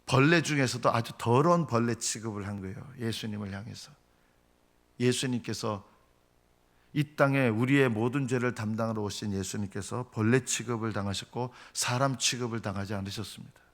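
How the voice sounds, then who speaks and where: A man preaching a dawn prayer sermon as a pastor, who acts out the voices of mockers with a raised pitch. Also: brisk, fairly bright tone. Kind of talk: early-morning prayer sermon.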